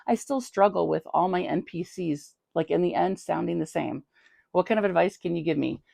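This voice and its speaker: A woman who hosts a tabletop gaming channel and runs games as a game master chats casually while answering a viewer's question, thinking aloud as she goes. Her voice is fairly low, creaky and warm, at a moderate pace, and the recording is dry.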